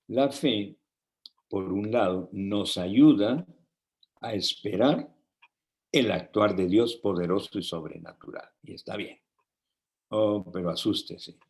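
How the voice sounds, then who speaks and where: A man's voice: on the low side, darkish tone. A man preaching a conversational sermon, telling personal stories and checking in with listeners through frequent tag questions. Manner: tells personal anecdotes with light laughter.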